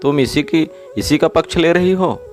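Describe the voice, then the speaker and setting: A man's voice: medium pitch, moderate pace, faint music behind, pitched above the performer's own voice, close to an everyday voice. A man voicing a stern, short-tempered father who scolds his son in a narrated story. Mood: angry.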